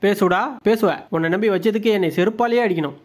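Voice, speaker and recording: A woman's voice: mid-range voice, fast talker. A woman dubbing animal comedy clips with a scolding, teasing manner. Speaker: voice-over artist and channel host. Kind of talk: comic mind-voice dubbing. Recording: noticeable background noise.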